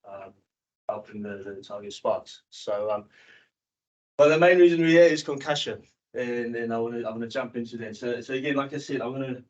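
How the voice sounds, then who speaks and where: A cricket coach who used to play professionally addresses a seminar audience in a mid-range voice, halting and repeating himself as he shares personal matters candidly and informally. He was born in South Africa and relocated to New Zealand in his early teens; the audio is muffled and dull.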